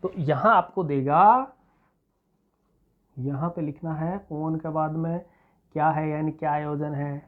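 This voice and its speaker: Speaking on the high side with a Rajasthani accent, a male teacher from Rajasthan, India, guides students through an exam answer step by step in an exam-prep lesson. He dictates slowly and often pauses to ask if it's clear, and the audio is thin and tinny, like a phone line.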